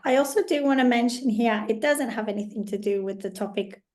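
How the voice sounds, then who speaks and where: Still recovering her voice after being sick, a woman hosts a podcast interview in a relaxed, chatty way. Her voice is a little high and darkish in tone, her pace brisk, and she rambles amiably with frequent restarts.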